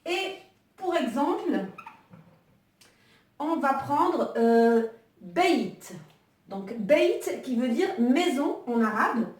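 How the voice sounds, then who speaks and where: A woman's voice: sits high, expressive, slow, long pauses, darkish tone. A woman teaching an online Arabic lesson, explaining patiently with many fillers and restarts while she writes. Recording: echoey room, voice from a distance.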